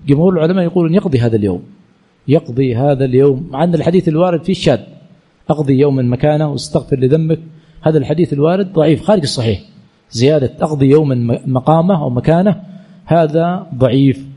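With a warm, husky, somewhat high voice, this man races through a religious lesson as a sheikh teaching Islamic jurisprudence. He reads out listeners' questions one by one and answers colloquially, repeating phrases and correcting himself.

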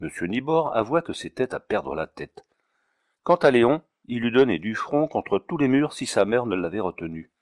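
A man narrating a classic novel in a measured, expressive reading. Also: mid-range voice, dry recording, clean studio sound. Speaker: audiobook narrator.

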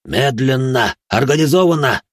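Man doing a stern squad leader, loud, raised, barking commands, dry close sound. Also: medium pitch, animated, moderate pace, no echo, pitched above the performer's own voice, lightly acted. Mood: commanding. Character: stern middle-aged male squad leader.

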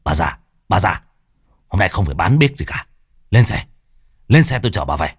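A man voicing a brutal, greedy grown son in a ghost story, with a gruff, menacing delivery. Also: low voice, very animated, normal speed, dry recording, studio quality, exaggerated voice. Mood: bullying.

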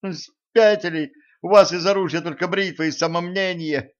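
Male narrator putting on a feisty young heroine for an audiobook story, pitched up high, shrill, bossy, dull lo-fi sound. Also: moderate pace. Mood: bossy shouting. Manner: shrill, shouting.

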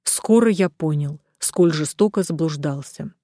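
A woman narrating an audiobook in a measured, steady reading. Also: low-pitched, no room sound.

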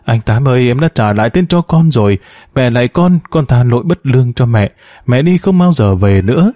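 A man's voice: mid-range voice, lively intonation, brisk, dark tone, no echo, clean studio sound, lightly acted. A man reading a story, voicing a distraught, grieving woman with a pleading, sobbing manner. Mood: anguished. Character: distraught grieving middle-aged woman, desperate mother.

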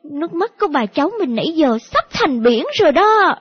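A playful, pouty young woman, as a woman voices her. She coaxes and wheedles in a high voice. The storybook audio is dull and lo-fi, with faint music. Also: very animated, a little fast. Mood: teary. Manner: coaxing, wheedling. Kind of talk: audiobook character voice.

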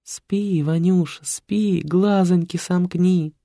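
Casual: guy putting on a sweet lullaby robot nanny, singsong, soft and high. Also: measured pace, no room sound, studio quality. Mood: lulling. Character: tender female care program, lullaby nanny.

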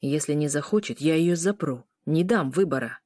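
A woman voicing a brooding, possessive male werewolf in an audiobook, low and insistent. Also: lively intonation, normal speed, a little mellow, dry recording, studio quality.

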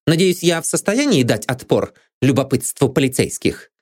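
A man voicing a sharp, haughty young lady's maid who is suspicious and quick to take offence, in a read-aloud storybook. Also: sing-song. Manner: shrill and indignant.

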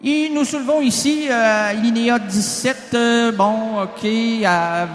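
A man's voice: very high-pitched, takes it slowly, faint music behind. A man with a Quebec French accent who rambles, stammers and jokes as a radio host in a comic mock courtroom sketch. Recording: echoey room with long reverb.

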